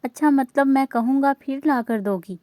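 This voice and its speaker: A woman playing a cocky young guy in a storybook reading, smug and mocking. the voice stays fairly high and bright, close and dry with no room sound. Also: normal speed, dry recording, natural voice. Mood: teasing. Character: teasing cocky young man.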